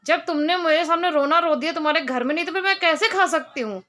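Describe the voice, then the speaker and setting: A woman's voice: very high voice, fast talker, pushed and bright. A woman vlogger talking casually to her viewers, telling a story in an indignant, complaining way. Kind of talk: casual monologue to camera.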